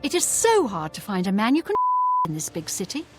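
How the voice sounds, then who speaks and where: A woman's voice: on the high side, huge pitch swings, fairly quick, over loud music. A woman voicing an opinionated townswoman in a fantasy game, in scripted dialogue. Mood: griping.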